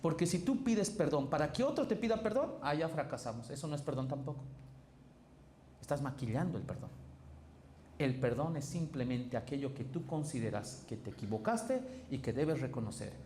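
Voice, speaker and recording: A male pastor preaching a sermon in a church, emphatic, acting out quoted dialogue with big swings in pitch. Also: animated, normal speed, warm tone. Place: church sanctuary. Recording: echoey church hall with faint noise.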